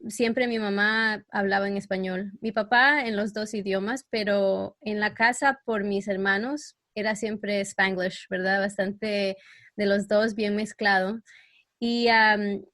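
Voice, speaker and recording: A middle-aged woman from El Salvador who grew up in New York appears as a guest expert on a casual podcast interview. Her voice is medium-pitched and a bit bright, with fairly even intonation, a slow pace, and no room sound. She speaks hesitantly, full of fillers, sometimes searching for words.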